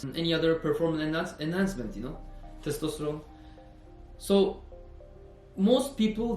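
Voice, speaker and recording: A man's voice: high-pitched, darkish tone, echoey room. A man, a personal trainer talking earnestly in a fitness vlog, repeating himself and saying "you know" often. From Norway. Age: 20s.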